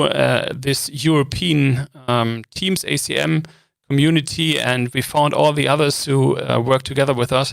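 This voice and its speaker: A man from Germany co-hosting a live online panel, introducing himself in a friendly, halting way with many fillers. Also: medium pitch, vocal fry, no room sound, clean studio sound. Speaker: co-host.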